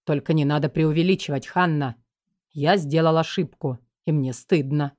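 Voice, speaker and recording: A woman voicing an angry, controlling young husband in an audiobook, dropping her voice low and turning from brusque to pleading. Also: normal speed, darkish tone, natural voice. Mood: condescending. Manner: lowered voice, brusque then pleading.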